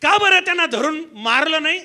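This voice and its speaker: High-voiced, sharp-toned preaching pastor. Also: male voice, lively intonation, a little fast. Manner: emphatic, rhetorical questions to the congregation. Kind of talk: preaching a sermon with call-and-response. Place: church before a congregation.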